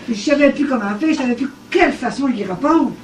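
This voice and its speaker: Older Québécois woman, animated storyteller, slightly high voice, old cassette recorded from far off in an echoey room with noise. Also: quick pace. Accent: Québécois French. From Quebec. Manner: animated, acts out dialogue, laughs often. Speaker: storyteller at a gathering. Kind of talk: casual storytelling. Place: living room at a private evening gathering.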